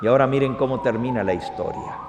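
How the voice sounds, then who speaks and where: A man's voice: medium pitch, quick pace, noisy background. A man preaching a sermon as a pastor, reading scripture and pressing listeners with rhetorical questions in an impassioned way. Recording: long reverberation.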